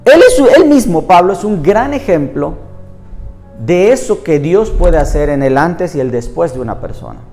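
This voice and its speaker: A man earnestly preaches a sermon in Spanish, reading scripture aloud at length. His slightly high voice swings widely in pitch at a normal speed, in a reverberant room with soft music playing behind him.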